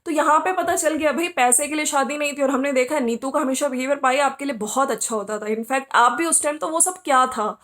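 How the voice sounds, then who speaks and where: A woman's voice: sits high, fairly quick, hardly any pauses, fairly bright tone. A woman hosting a podcast who comments on social media gossip, scolding the people she talks about directly and asking them rhetorical questions. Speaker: podcast host.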